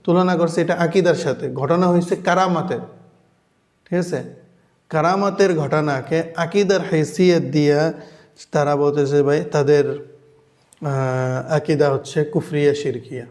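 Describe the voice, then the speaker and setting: A man's voice: on the high side, steady tone, unhurried, pauses often, a little mellow. A man giving a religious lecture, explaining patiently, often asking the listeners "right?" and reciting Arabic phrases. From Bangladesh. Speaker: Islamic lecturer.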